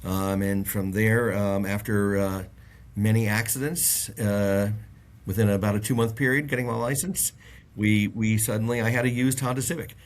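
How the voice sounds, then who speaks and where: A lowish, steady voice at normal speed belongs to a middle-aged Bahamian man, a guest from the auto industry. During this easygoing interview, he tells long stories that ramble, with lots of fillers and restarts.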